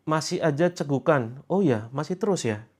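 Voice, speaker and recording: A man's voice: a little high, animated, normal speed, darkish tone. A man coaching viewers on a live stream in a chatty way, laughing often and reading out their comments. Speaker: online self-help and therapy coach. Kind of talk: casual live-stream talk.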